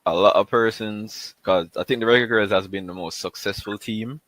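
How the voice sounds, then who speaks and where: A man with a very low voice, speaking as a guest in a hesitant way with frequent ums. The sound is dry and close. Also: steady tone, normal speed, fairly bright tone, dry recording.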